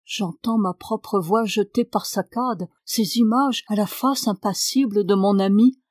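A woman narrating a novel in the first person, with a measured, expressive reading. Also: medium pitch, dry recording, studio quality. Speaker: audiobook narrator.

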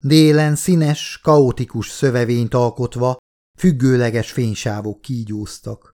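A man's voice: mid-range voice, fairly even intonation, warm tone. Man reading a novel aloud. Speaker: audiobook reader. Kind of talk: scripted narration.

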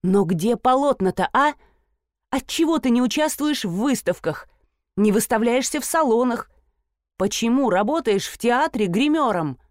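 A woman voicing a sharp-tongued wealthy mother who speaks in a caustic, dismissive way. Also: a little high, animated, moderate pace, no room sound, studio quality, pitched above the performer's own voice, close to an everyday voice. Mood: scornful.

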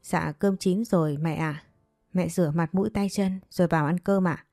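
A woman playing a frightened young girl from a storybook, timid and pleading. The voice stays low and mellow, recorded dry with faint music under it. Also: steady tone, normal speed, vocal fry, no echo.

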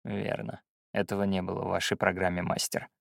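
A man voicing an aloof, unflappable young male sorcerer who speaks flatly and quietly, in an audiobook. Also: low-pitched, fairly quick, creaky, no echo, clean studio sound, voice pushed down. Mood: deadpan. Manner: flat, deadpan, quiet. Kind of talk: audiobook character voice.

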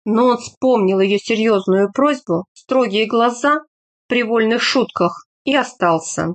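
A woman reads a story aloud in a calm, measured storytelling manner, taking her time with every phrase. Her voice sits a little higher than most women's. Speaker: audiobook narrator. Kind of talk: scripted narration.

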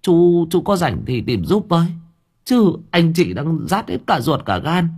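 A man voicing a distraught middle-aged village mother, with a high, wailing and anxious voice. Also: very animated, moderate pace, slightly rough. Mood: pleading.

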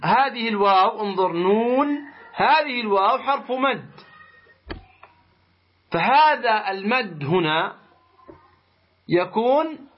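Man, tajweed teacher, high-pitched, deliberate, rhetorical questions, muffled lo-fi sound. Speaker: Quran recitation teacher. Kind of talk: tajweed lesson. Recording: muffled lo-fi recording.

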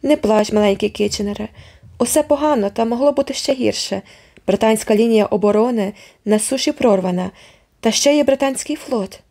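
A woman's voice: a little high, a little fast, creaky, mellow. A woman reading the part of a stubborn older housekeeper, speaking firmly and emphatically in a storybook reading. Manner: firm, emphatic.

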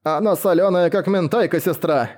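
A man's voice: high-pitched, normal speed, darkish tone, pitched above the performer's own voice, close to an everyday voice. A man voicing a meek, remorseful younger brother. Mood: tearful.

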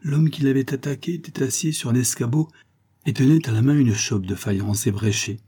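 A man narrating an audiobook detective story in a measured, steady way. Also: medium pitch, husky.

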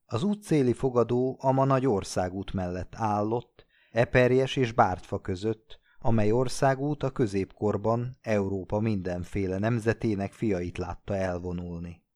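A man reading classic literary fiction aloud, narrating in a measured, steady way. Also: lowish voice. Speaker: audiobook reader.

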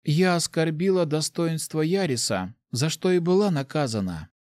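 A man voicing a timid, apologetic young girl, speaking softly. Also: a little high, sing-song, moderate pace, no room sound, pitched above the performer's own voice. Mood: meek. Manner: soft, timid.

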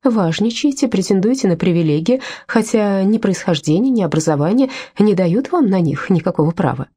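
A woman reading the lines of a calm, defiant young servant girl in an audiobook, speaking steadily and cuttingly. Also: mid-range voice, a little fast, breathy edge. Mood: scornful.

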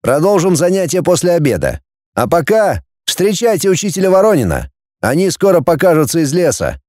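A man's voice: fairly high pitch, big pitch swings, a little fast, darkish tone, dry recording, studio quality, pitched above the performer's own voice. A man voicing a cold, haughty middle-aged male professor who speaks in an icy, superior, formal way.

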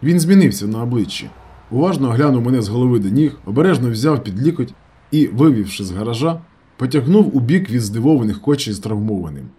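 A man reading a novel aloud in calm, measured first-person narration. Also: medium pitch, husky. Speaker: audiobook narrator.

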